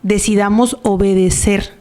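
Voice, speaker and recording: A woman's voice: mid-range voice, steady tone, a little slow, darkish tone. A woman speaking on the radio as an Al-Anon member. She talks in a reflective, confiding way and keeps checking in with her listeners. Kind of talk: personal testimony on a radio talk show.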